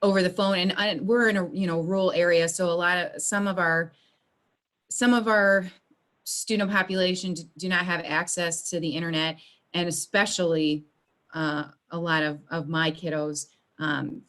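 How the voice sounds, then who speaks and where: A woman's voice: fairly low pitch, fairly even intonation, moderate pace, a bit bright. A woman working as a school social worker, talking in a rambling way with many restarts during a video meeting. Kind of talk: casual video meeting chat. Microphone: video call.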